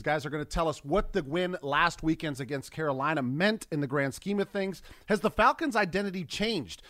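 An upbeat, teasing American man hosts a casual sports podcast. His voice sits slightly high. The sound is close and dry, with no room behind it. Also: a bit bright, no echo. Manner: upbeat, teasing, quick to laugh. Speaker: podcast host.

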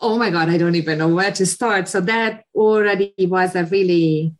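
Woman from hungary, lowish voice, hesitant, keeps restarting as a guest. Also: moderate pace. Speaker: guest photographer. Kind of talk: interview answers.

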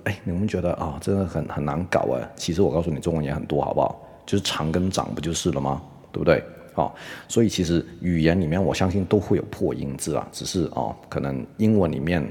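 A man's voice: deep voice, vocal fry, a little mellow, big-room sound. A man hosting a casual podcast lesson on English words, explaining in a chatty way and dropping English fillers like "OK" and "anyway" between his sentences. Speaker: English teacher podcast host.

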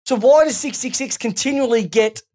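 A woman with an Australian accent co-hosts a casual sports podcast, ranting and swearing freely. Her voice is on the high side and darkish, delivered at a moderate pace.

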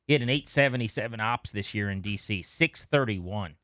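A man co-hosting a casual sports podcast, chatty and relaxed as he runs through stats. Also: lowish voice, fairly quick, no room sound, clean studio sound. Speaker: podcast co-host.

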